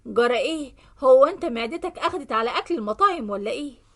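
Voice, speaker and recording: A woman plays a jealous middle-aged Egyptian wife who presses her husband firmly. The voice is high and insistent. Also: animated, fast, fairly bright tone, heavily acted. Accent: Egyptian Arabic.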